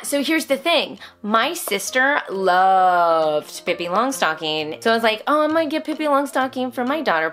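Recorded in a small furnished room at home, a woman in her thirties or forties who vlogs and homeschools her kids talks animatedly to camera. She reviews things conversationally in a mid-range voice, often interrupting herself.

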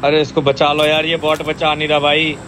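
A man's voice: on the high side, monotone, normal speed, background noise. A man urging and ordering his teammates around during a shooter game. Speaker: squad player. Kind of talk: casual game chat.

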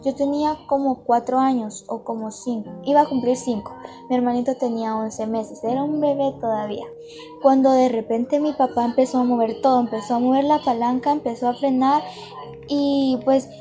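High-voiced woman telling a story. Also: warm tone. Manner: chatty, earnest, addresses viewers directly. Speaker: vlogger. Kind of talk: casual storytelling to camera. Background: background music.

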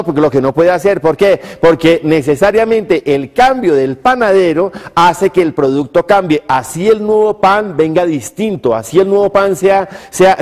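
A man's voice: on the high side, darkish tone. A Colombian man in his fifties giving an emphatic motivational business lecture to camera, teaching through rhetorical questions and repeated phrases. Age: 50s. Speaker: motivational speaker and TV presenter. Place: living-room style TV studio set, indoors. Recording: reverberant echoey room.

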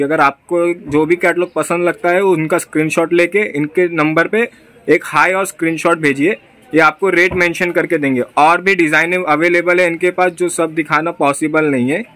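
A brisk Indian-accented man with a high-side, slightly bright voice keeps his intonation fairly even, with no room sound. Hosting a shopping vlog in a small clothing shop, he talks to viewers and interviews a market seller, repeating back the seller's answers.

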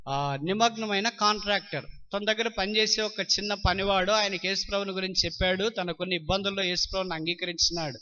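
A man preaching a sermon, telling a story and acting out its dialogue in animated voices. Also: high voice. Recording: dull lo-fi sound.

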